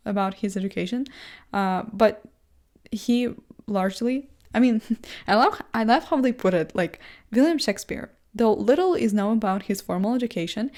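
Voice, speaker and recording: A young adult vlogger whose first language isn't English sits in a chair indoors, thinking aloud in a casual, rambling monologue. Her mid-range voice is chatty and self-deprecating, full of fillers and restarts.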